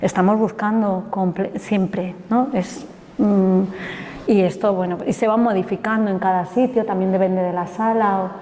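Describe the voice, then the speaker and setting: A woman's voice: mid-range voice, steady tone, normal speed, mellow, a little hiss or hum. A woman lecturer, chatting enthusiastically and colloquially while taking questions after her talk. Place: lecture hall. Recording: long reverb of a lecture hall.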